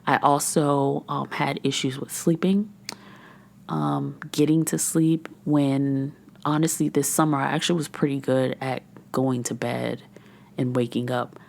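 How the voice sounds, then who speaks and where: A woman's voice: very deep voice, level tone, unhurried, gravelly, a little mellow. A woman in her thirties hosting a candid solo podcast, rambling and sometimes dropping to a whisper. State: frustrated and overwhelmed. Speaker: podcast host and menopause coach. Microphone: podcast microphone.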